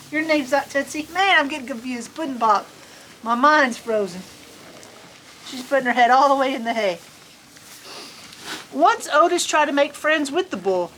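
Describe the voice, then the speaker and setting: She speaks high and expressively, a little slowly and with long pauses, her tone a bit bright. Reading to children, she mixes playful, folksy narration with casual chat, recorded in low quality outdoors on a cold farm with faint ambient noise.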